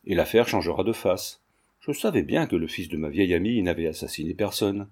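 A man's voice: low-pitched, lively intonation, brisk, a little mellow, husky, pitched below the performer's own voice, heavily acted. A man reading as a blunt old lawyer. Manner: blunt, exclaiming. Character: shrewd, forthright elderly male lawyer.

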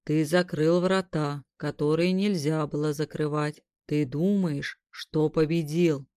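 A woman voicing a menacing faceless shadow creature, the mind of the rifts, in an audiobook, speaking slowly and coldly. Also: low voice, steady tone, mellow, smooth, dry recording, clean studio sound. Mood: accusing.

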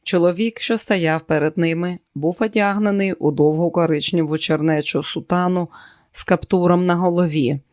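A man narrates an audiobook with a measured, even delivery. His voice sits a little high. The recording is dry and close, with no room sound. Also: no echo. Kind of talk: scripted narration.

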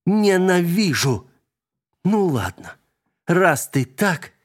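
A man's voice: fairly high pitch, animated, normal speed, darkish tone, pitched above the performer's own voice. A man voicing a frantic, emotional young mother in an audiobook, his voice raised and agitated. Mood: furious.

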